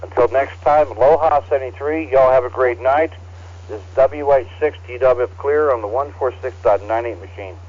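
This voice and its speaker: A man serves as net control for an evening amateur radio net, his mid-pitched voice coming through a ham radio transceiver. The audio is dull and lo-fi. He reads out call signs in a relaxed, halting way with plenty of fillers. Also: slight background noise. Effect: heard over a ham radio transceiver.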